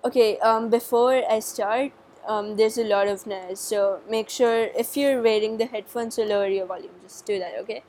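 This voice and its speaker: A woman's voice: fairly high pitch, steady tone, normal speed, darkish tone, a little hiss or hum. A young woman hosting a casual family vlog, chatty and playful. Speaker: vlogger.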